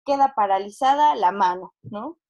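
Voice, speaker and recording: A woman's voice: mid-range voice, lively intonation, normal speed, a little mellow, lo-fi sound. A woman giving a university psychology lecture, explaining with frequent tag questions and acting out quoted inner voices.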